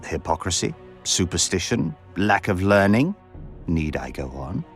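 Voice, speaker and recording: A deep, expressive, slightly slow voice brings a refined noble count to life for a game cutscene, now disdainful and lamenting. The character swoops flamboyantly, talks at length with florid, pompous theatricality, and carries a lecherous, sardonic edge, all over background music.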